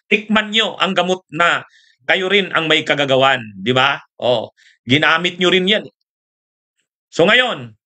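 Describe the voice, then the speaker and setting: Male host, high and bright, sarcastic rhetorical political chat. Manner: mocking, rhetorical, laughs often, sips coffee. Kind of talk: casual political commentary.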